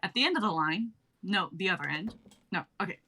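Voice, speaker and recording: A young woman with a lowish, husky voice reads stage directions for a comedy sketch, sounding animated, brisk and sharp. Her delivery is theatrical, irreverent and declamatory, like comedic script narration.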